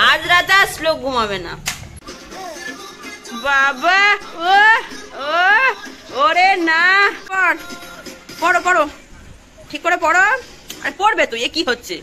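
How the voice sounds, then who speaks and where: A woman's voice: very high voice, sharp tone. A woman at home playfully coaxing her toddler in sing-song baby talk. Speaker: mother playing with her toddler.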